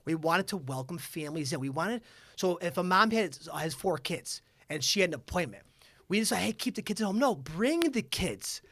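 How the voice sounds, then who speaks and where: A lively man with a bright, forceful voice and a slightly high pitch tells stories as a guest on a podcast. He talks with energy and enthusiasm. The sound is dry and close. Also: normal speed, no echo. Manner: energetic storyteller. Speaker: chiropractor guest. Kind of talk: casual podcast chat.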